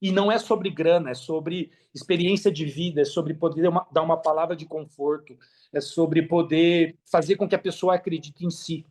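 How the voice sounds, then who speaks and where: His voice a little high, darkish, and steady in tone, a Brazilian man speaks at a moderate pace as a podcast guest. He recounts his story frankly and conversationally, full of slang and tag questions.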